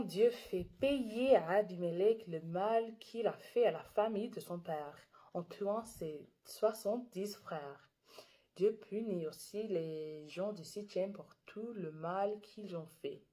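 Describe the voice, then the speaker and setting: A young woman with an English-speaking learner's accent reads scripture aloud at an unhurried, deliberate pace. Her voice sits on the lower side. She is careful and halting, and now and then she stops to correct her own words. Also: darkish tone. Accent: English-speaking learner of French. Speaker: Bible reader and video creator.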